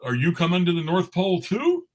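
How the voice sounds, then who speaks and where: Man voicing high, animated Frosty the Snowman. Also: fairly quick, exaggerated voice. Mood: delighted. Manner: eager, childlike exclamations. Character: friendly, naive, big-hearted living snowman. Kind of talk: cartoon table read.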